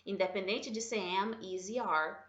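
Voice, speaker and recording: A woman English teacher giving a chatty, affectionate online grammar lesson, slowing right down when she models English example sentences. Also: mid-range voice, fairly even intonation, a bit bright. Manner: chatty, affectionate, calls viewers "meu bem" and "gente". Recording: echoey room, slightly dull sound.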